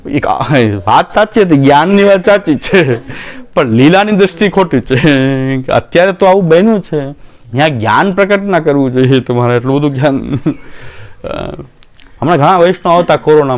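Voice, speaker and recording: A man giving a devotional discourse, folksy, acting out quoted voices and laughing often. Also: on the high side. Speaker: religious teacher.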